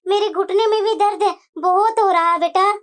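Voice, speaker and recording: Cartoon elderly mother, plaintive and whiny, very high register; voiced by a woman. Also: steady tone, moderate pace. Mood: complaining. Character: elderly mother, complaining about her daughter-in-law. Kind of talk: cartoon voice acting.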